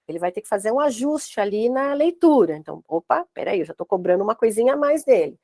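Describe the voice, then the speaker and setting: A Brazilian course instructor with a Brazilian Portuguese accent explains things step by step to teachers on a video call, sprinkling in many "né?" tags. She speaks quickly and expressively, her voice on the high side yet darkish, with studio-quality sound and no room noise.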